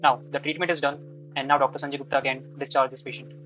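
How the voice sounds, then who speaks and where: A man's voice: mid-range voice, flat delivery, quick pace, pushed and bright, lo-fi sound, faint music behind. Indian-accented man presenting a step-by-step demo. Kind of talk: live product demo walkthrough.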